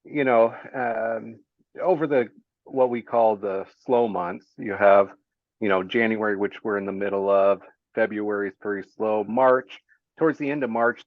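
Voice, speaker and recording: A man being interviewed as a guest, talking in an easygoing, plain-spoken way with many pauses. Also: fairly low pitch, no room sound, narrow, tinny audio. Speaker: guest, small business owner. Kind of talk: casual interview chat.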